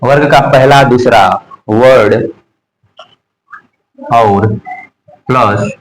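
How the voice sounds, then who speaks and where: A man's voice: mid-range voice, fairly even intonation, a little hiss or hum, low-quality recording. A man teaching an exam-prep grammar lesson, drilling letters over and over and answering his own questions. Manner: slow, drilling repetition of letters and terms; asks the class questions and answers them himself.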